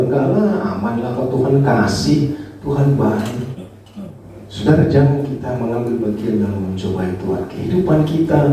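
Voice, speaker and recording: A male pastor with an Indonesian accent preaching a sermon to his congregation, often calling out to them, with high emphatic lines and low asides. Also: mellow. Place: church hall. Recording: echoey hall, voice from a distance.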